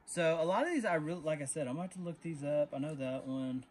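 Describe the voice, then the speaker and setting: Talking fast in a fairly high, slightly mellow voice, this Texan storage-unit reseller narrates his vlog casually for viewers he calls y'all. He sorts an outdoor storage unit, then moves into a truck, with faint background noise behind him.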